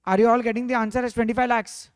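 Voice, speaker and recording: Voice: mid-range voice, flat delivery, very fast, clean tone, no room sound, clean studio sound. A finance teacher with an Indian accent giving an interactive revision lecture, constantly prompting students with questions and dropping in the odd Hindi interjection.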